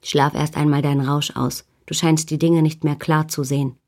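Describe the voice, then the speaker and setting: Woman reader as scheming male village leader, low voice, menacing, mocking, audiobook. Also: level tone, normal speed, darkish tone. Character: scheming, domineering man leading a village. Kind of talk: audiobook character voice.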